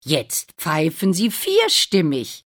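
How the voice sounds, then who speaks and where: Slow, expressive woman reading a fairy tale. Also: low voice. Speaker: storyteller.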